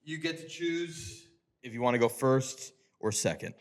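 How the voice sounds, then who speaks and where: A young man hosts a relaxed movie talk, rambling with plenty of "like"s and easy laughs. His voice sits at an ordinary middle pitch. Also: unhurried. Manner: loose, filler-heavy, laughs often. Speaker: podcast host. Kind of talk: casual chat.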